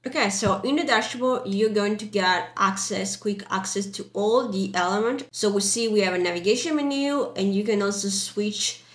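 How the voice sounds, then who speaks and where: A woman's voice: mid-range voice, moderate pace, few pauses. Echoey non-native English-speaking woman presenting a walkthrough. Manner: informal, loosely phrased, step-by-step explaining. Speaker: tutorial presenter. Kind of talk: casual screen-recorded software walkthrough. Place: indoor room. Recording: roomy, echoey voice track.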